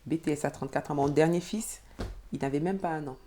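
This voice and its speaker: A woman's voice: low voice, fast. A middle-aged woman from Cameroon, telling her life story as a guest and acting out the voices of people in it. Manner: animated storyteller who acts out quotes. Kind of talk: personal storytelling.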